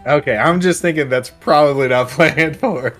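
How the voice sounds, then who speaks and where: A man's voice: on the high side, a bit bright, soft background music. A man playing a tabletop game, chatting casually and laughing as he explains rules. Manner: quick, chatty, laughs mid-sentence.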